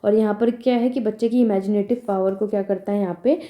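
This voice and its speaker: Warm-voiced woman teaching a revision lesson. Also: medium pitch, steady tone. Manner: explains in Hindi, then reads English points slowly; asks questions and answers them herself. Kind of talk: exam revision lecture.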